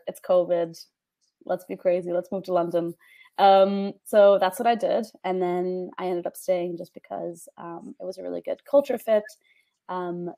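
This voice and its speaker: Chatty young woman with a creaky voice. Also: mid-range voice, warm tone. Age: 20s. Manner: chatty, with many "like" and "um" fillers. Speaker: panel guest, venture investor. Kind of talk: casual panel talk. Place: home room, indoors. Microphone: video call webcam.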